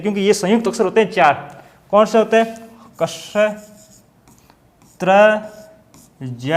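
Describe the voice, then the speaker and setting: A man with a Hindi accent teaching a grammar lesson, explaining step by step and asking questions that he answers himself. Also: fairly high pitch. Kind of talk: classroom-style grammar lesson.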